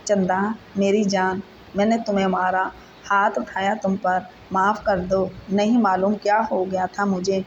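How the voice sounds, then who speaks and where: A remorseful young husband, pleading and blaming himself after losing his temper, read by a woman. The delivery stays flat and level. A faint hiss sits under a slightly dull recording. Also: medium pitch, natural voice. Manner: pleading, self-reproaching.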